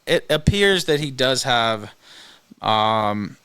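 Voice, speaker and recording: A man hosting a livestream with casual commentary, speaking hesitantly with pauses. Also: medium pitch, expressive, bright, forceful tone, clear, resonant tone, no echo. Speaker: livestream host.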